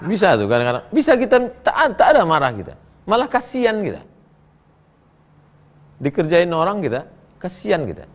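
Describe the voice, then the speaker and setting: A man's voice: sits high, fairly quick, long pauses. A middle-aged male preacher, answering questions from the audience in a folksy, joking way. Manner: folksy, joking, animated storytelling. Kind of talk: humorous question-and-answer sermon.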